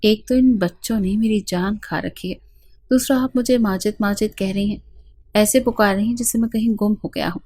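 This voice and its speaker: A woman's voice: mid-range voice, steady tone, warm tone, breathy edge, dry recording. A woman voicing a harried man in his thirties who grumbles at his mother in an audio story. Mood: grumbling. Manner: grumbling, exasperated.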